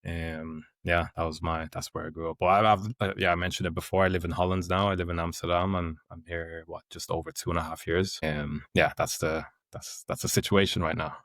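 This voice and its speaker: A man born in Nigeria and raised in Ireland, hosting a relaxed, easygoing podcast chat. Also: low voice, fairly quick, few pauses, no echo, studio quality. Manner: relaxed, easygoing, lots of backchannel. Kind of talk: casual chat.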